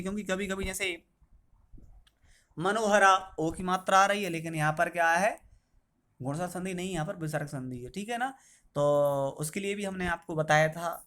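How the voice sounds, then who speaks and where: A man teaching a school grammar lesson, asking questions and answering them himself and repeating key terms slowly. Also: high-pitched, a bit bright.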